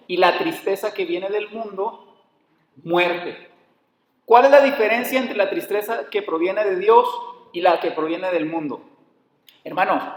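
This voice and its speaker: A man preaching a sermon, calling his listeners brothers and putting rhetorical questions to them. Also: high voice. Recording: echoey hall.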